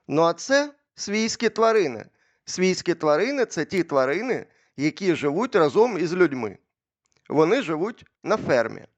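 Man, children's teacher, slow-paced, slightly high voice, patient, repetitive drilling, scripted lesson. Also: highs cut off.

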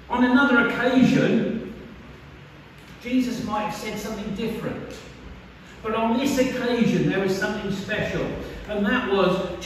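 A man's voice: sits high, slight background noise. A man, preaching a conversational sermon and asking the congregation questions. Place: church hall. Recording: echoey church from far off.

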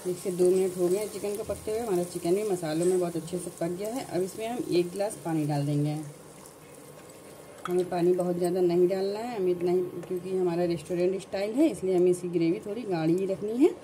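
A woman narrating a home cooking tutorial, calmly explaining each step in order. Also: on the low side, fast, slight background noise, low-quality recording. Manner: calm step-by-step instructions. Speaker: cooking channel host.

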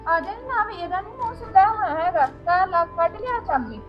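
A woman with a very high voice plays a sarcastic daughter-in-law who talks back. The sound is a bit dull, with quiet music behind. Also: lively intonation, a little fast. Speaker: actor playing a daughter-in-law. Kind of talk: Punjabi family web drama acting. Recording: slightly dull audio with music.

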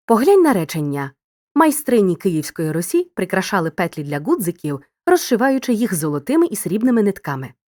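A woman narrating a grammar lesson in a clear, scripted, teacherly way, speaking directly to the listener. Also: medium pitch, big pitch swings, a little fast, darkish tone, dry recording, studio quality.

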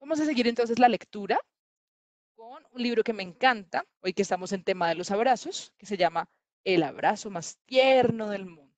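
A woman reading a story aloud to children on a livestream from home, animated and playful, talking straight to the kids. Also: medium pitch, normal speed, no echo.

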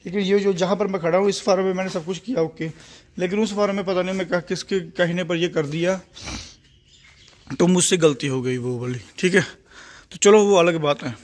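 A poultry farmer with a Punjabi-tinged Hindi accent gives a casual walk-through of his large, open-sided poultry shed, which is under construction, filming on a phone he carries. His voice sits high and is a little mellow, at a moderate pace, and he explains things plainly and repetitively while speaking straight to the viewer.

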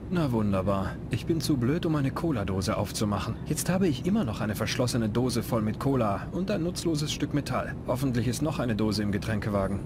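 A wry young adventurer, voiced by a man for a fan-made point-and-click game, commenting dryly and poking fun at himself. A steady engine rumble sits under the voice. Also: normal speed, natural voice. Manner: dry, self-mocking narration.

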